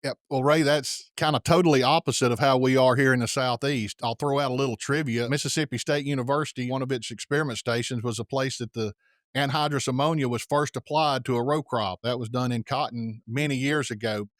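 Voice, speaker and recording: A man's voice: mid-range voice, fairly even intonation, brisk, dry recording, clean studio sound. A man hosting a farming podcast in an upbeat, folksy way. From southeastern United States. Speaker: podcast host. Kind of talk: scripted intro then casual interview.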